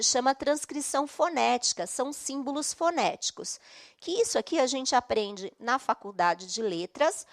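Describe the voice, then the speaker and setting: A woman with a Brazilian Portuguese accent and a fairly high, fairly bright voice teaches an online English class. She explains patiently, step by step, and checks in often.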